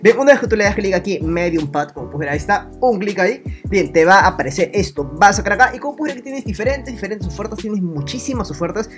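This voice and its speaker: A man's voice: high-pitched, animated, quick pace, hardly any pauses, a bit bright, faint music behind. A man talking straight to the viewer in a screen-recorded tutorial, repeating himself a lot and voicing the viewer's questions. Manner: repetitive, talks to viewer directly; voices imagined viewer questions. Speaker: online money-making youtuber.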